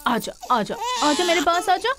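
A woman's voice: extremely high pitch, expressive, normal speed, very noisy. A cooing young mother. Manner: cooing baby talk, pleading to her husband. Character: young mother, fussing and teasing her husband. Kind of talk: dubbed film acting. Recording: film soundtrack with loud music and crowd.

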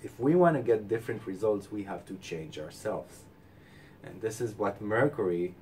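A man with a fairly low voice hosts a weekly astrology forecast, advising calmly with fillers and restarts. He sounds short on sleep and sits some way from the mic, with a faint low rumble in the background. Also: distant mic. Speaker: astrologer host.

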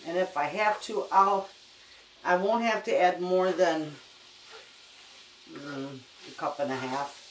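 A woman's voice: lowish voice, slow, long pauses. Older lady doing a folksy kitchen cooking demo, chatty, bit far from the mic, echoey room. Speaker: home cook, cooking show host. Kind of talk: casual kitchen cooking demonstration. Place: home kitchen, indoors at the stove. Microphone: camera a few feet away. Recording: echoey kitchen, distant mic, background noise.

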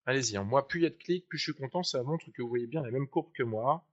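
Talking fast in a mid-range voice, a male trainer explains trading charts in a chatty live webinar and has viewers click along with him. The audio is dull and lo-fi.

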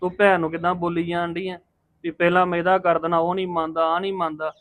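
An actor plays an aggrieved brother in a family drama, speaking. His voice is slightly raised in pitch. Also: level tone, fast talker, fairly bright tone. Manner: aggrieved, complaining. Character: brother caught between his sisters. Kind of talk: Punjabi family drama acting.

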